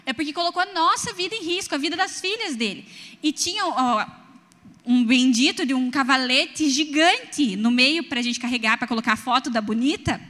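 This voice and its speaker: Young Brazilian woman preacher, high and bright, animated storyteller, church hall reverb. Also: normal speed. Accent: Brazilian Portuguese. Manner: animated storytelling, addresses the congregation directly. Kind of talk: sermon with personal stories.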